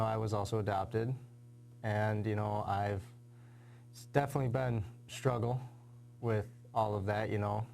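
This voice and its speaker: A young man, a high school athlete, answering interview questions casually with lots of fillers. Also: gravelly, a little mellow, slight background noise. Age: young adult. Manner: casual, lots of "you know" and "kinda".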